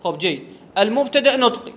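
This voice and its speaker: A man with a very high-pitched, fairly bright voice talks fast and animatedly in a classroom lecture on Arabic grammar. He poses questions to the class, answers them himself and repeats the key terms.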